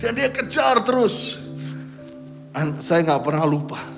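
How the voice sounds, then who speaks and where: A middle-aged man preaching as a pastor, telling a lively story, mixing in English phrases and shouting out quoted cheers. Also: sits high, slow pace, vocal fry, over music. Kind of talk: sermon storytelling. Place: church service.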